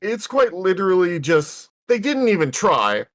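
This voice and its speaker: A male podcast guest with a high, light voice. He is blunt, piling on phrases like "quite literally" to drive his point home. The talk is loose and casual. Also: very animated, measured pace, fairly bright tone. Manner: blunt, repeats himself for emphasis. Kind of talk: casual chat.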